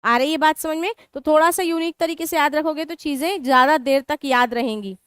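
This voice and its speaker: A woman's voice: sits high, fairly quick, fairly bright tone, dry recording, clean studio sound. A woman teaching a live online exam-prep class, mixing in English terms and asking students questions she answers herself. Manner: mixes Hindi with English terms.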